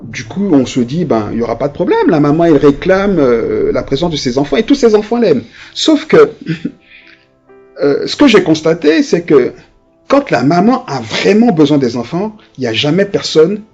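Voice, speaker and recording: Animated, husky-voiced male pastor preaching. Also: fairly high pitch, moderate pace, dull audio, faint music behind. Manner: conversational, with many hesitations and restarts; animated, acting out voices of people in his stories. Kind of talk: sermon.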